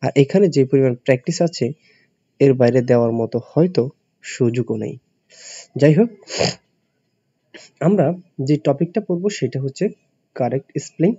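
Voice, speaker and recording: Animated and dark-toned, a Bangladeshi male teacher with a mid-range, breathy voice gives an English spelling lesson to admission students at a moderate pace with long pauses. He explains each step, spells letters out and keeps asking questions, on a dull, dry lo-fi recording with no echo.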